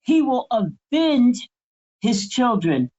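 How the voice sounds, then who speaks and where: An older woman speaks with a high voice and a slow, unhurried delivery. She is impassioned and repeats her phrases in a pleading cadence. The audio is muffled and low-fidelity. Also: big pitch swings, mellow. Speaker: co-host. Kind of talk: spiritual talk show conversation.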